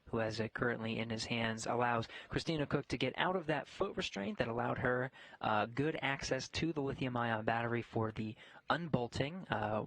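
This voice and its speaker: A man's voice: medium pitch, a bit bright, dry recording, low-quality recording. A man giving live explanatory commentary on a space mission.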